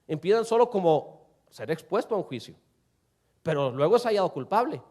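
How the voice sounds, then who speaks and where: A man preaching a sermon to a congregation, asking them rhetorical questions and swinging between loud and soft. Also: high voice, sing-song, a little fast. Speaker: pastor.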